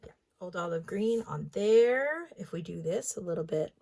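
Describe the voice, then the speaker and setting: With a fairly low, vocal-fry voice, a woman talks through a card-making technique at a moderate pace, her intonation lively. It's a chatty crafting tutorial in which she thinks aloud and murmurs soft asides.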